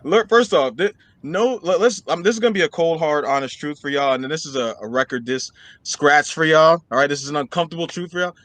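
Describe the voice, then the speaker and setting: A man of thirty with a fairly high voice talks bluntly on a podcast. He makes his points with emphasis and keeps asking "right?". The sound is dry and close, with no room echo. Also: animated, fast, a bit bright. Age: 30s. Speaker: podcast co-host. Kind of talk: casual opinion chat.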